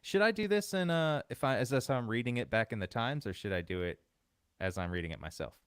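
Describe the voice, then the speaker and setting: A man hosting a podcast, telling a story in relaxed casual chat and laughing often. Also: medium pitch, quick pace, smooth, no room sound, clean studio sound. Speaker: podcast host.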